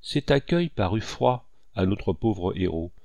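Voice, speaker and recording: A man reading a classic novel aloud in measured, clear storytelling. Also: fairly low pitch, animated, warm tone, no echo. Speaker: audiobook narrator. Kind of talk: scripted narration of a classic novel.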